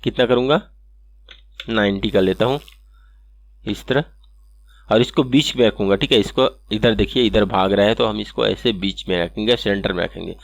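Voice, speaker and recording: A man hosting an animation software tutorial, walking through each step and checking in with "okay" again and again. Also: on the low side, normal speed, vocal fry, long pauses, dry recording. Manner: step-by-step, repeats "ठीक है" often. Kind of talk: screen-recorded software tutorial.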